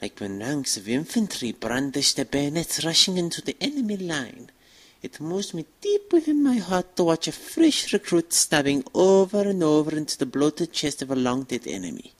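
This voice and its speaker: A woman plays a war-loving vampire commander with a low, husky voice. The delivery is grandiose and savoring, swinging widely in pitch like a fanatical orator rallying troops. It is a theatrical anime villain monologue, full of relish. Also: very animated, moderate pace. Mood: ecstatic, savoring. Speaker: fan dub performer.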